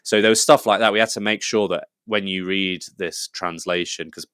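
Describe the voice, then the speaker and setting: A man's voice: deep voice, steady tone, moderate pace, a bit bright, clean tone, dry recording, studio quality. An English man talking as a podcast guest in a casual, rambling and enthusiastic way, full of fillers and restarts. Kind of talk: casual conversational interview.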